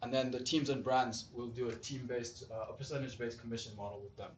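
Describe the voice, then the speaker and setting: A man from Zimbabwe pitching his startup with eager, salesy drive. His voice sits at a middling pitch. It is caught by a distant mic in a roomy hall with a faint hum of noise behind it. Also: fairly even intonation, fast talker. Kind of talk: pitch presentation and Q&A. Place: event hall.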